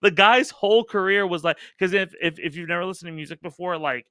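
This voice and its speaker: A man's voice: high voice, fast, pushed and bright, smooth, no room sound, studio quality. A man hosting a casual podcast chat, talking emphatically with lots of fillers and casual swearing. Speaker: podcast host.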